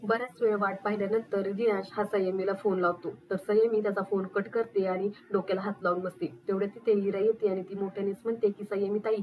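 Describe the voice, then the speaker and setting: A woman narrating a plain, steady retelling of a TV serial episode. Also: mid-range voice, fairly quick, few pauses, slight background noise, rough recording. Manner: even, steady reading of dialogue and action.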